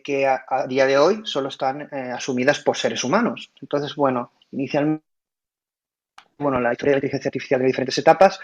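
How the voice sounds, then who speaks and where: A man from Spain hosting an online audio room, explaining at length with many fillers and restarts. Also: on the high side. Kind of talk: casual explanatory talk. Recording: muffled audio-app sound.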